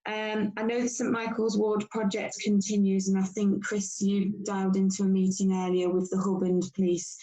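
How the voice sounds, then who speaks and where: Tired policewoman giving a flat report. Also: mid-range voice, poor audio. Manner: measured, factual report with frequent pauses. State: tired after a long shift. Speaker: police inspector. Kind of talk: briefing a council meeting. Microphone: video call.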